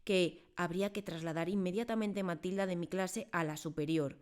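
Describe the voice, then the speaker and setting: Woman reader doing a soft-spoken young teacher, polite and earnest, storybook. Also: fairly low pitch, steady tone, normal speed, pitched above the performer's own voice, close to an everyday voice. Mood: pleading. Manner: polite, pleading.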